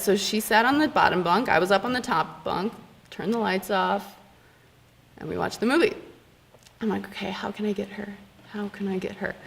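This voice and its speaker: Young woman, live storytelling, animated, laughing, dramatic pauses, middle pitch. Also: creaky. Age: young adult. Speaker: student storyteller. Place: university event stage.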